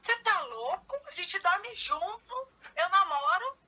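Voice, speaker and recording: A woman's voice: very high voice, lively intonation, unhurried, sharp tone. A woman talking over a phone on speakerphone from her car, blunt and impatient in casual chat. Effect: heard over a phone on speakerphone. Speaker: friend being pranked on a call. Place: in her car in a city center.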